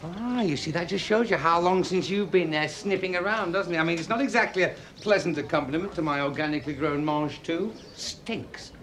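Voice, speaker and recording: An actor playing a sly, cheeky antiques dealer in a TV drama, talking in a wry, teasing way. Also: male voice, fairly high pitch, fairly quick, hardly any pauses, a bit bright, a little hiss or hum, natural voice.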